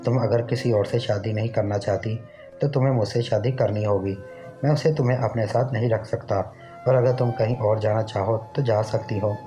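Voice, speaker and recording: A man reading a calm, remorseful rich man. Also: fairly low pitch, moderate pace, faint music behind, close to an everyday voice. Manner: calm, quiet. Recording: dull lo-fi recording.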